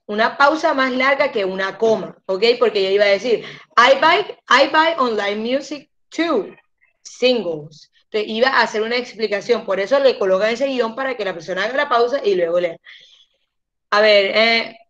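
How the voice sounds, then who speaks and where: A woman with a fairly high voice runs an English lesson over a call. She is patient and drags words out slowly when she models how they should sound. The audio comes through muffled and lo-fi. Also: a bit bright. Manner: patient, slows down to model pronunciation. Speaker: English teacher. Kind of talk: online class instruction.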